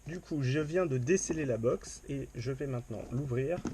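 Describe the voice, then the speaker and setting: A man's voice: medium pitch, normal speed, dark tone, slight background noise. A man doing casual unboxing commentary to a camera, chatty and upbeat, with lots of fillers and restarts. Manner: upbeat enthusiasm. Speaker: unboxing vlogger.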